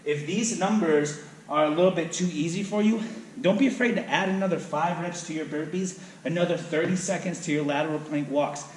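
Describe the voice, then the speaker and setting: A man's voice: a little high, brisk, recorded from a distance. A male fitness trainer explaining and demonstrating exercises in a gym, counting out reps as he moves. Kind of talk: instructional workout video. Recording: echoey room, voice from off-mic.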